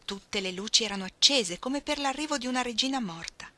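A woman reading a novel aloud, slow and expressive, sometimes dropping to a soft whisper. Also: on the high side, no echo. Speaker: audiobook reader. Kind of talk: literary reading.

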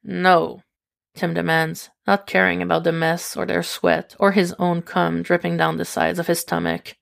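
Gravelly woman narrating a podfic. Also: lowish voice, flat delivery, moderate pace. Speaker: podfic reader. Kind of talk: scripted narration.

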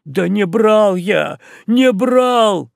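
A man doing a stubborn, loud-mouthed sailor. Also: high voice, animated, measured pace, vocal fry, no room sound, studio quality, pitched above the performer's own voice, full character voice. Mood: defiant. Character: stubborn, defiant male sailor.

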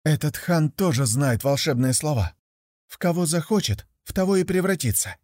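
A man putting on a clever young storybook wife with magic. The voice is raised somewhat above his own, and she gives her advice calmly and knowingly. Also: fairly high pitch, normal speed, no room sound, studio quality, voice pushed up, natural voice. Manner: calm, knowing counsel.

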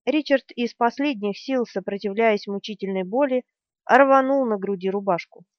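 A woman narrating a fantasy audiobook in a measured, dramatic reading. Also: on the high side, no room sound. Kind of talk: scripted narration. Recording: dry, slightly dull studio sound.

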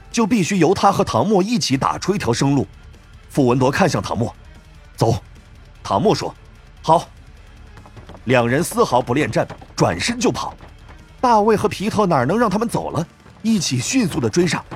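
A man narrating a novel audiobook in a dramatic, expressive storytelling manner. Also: fairly high pitch, breathy edge.

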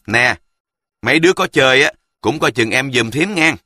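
A man's voice: mid-range voice, lively intonation, moderate pace, sharp tone, dry recording, studio quality, voice pushed up. A man voicing a humble, anxious rural mother who speaks deferentially.

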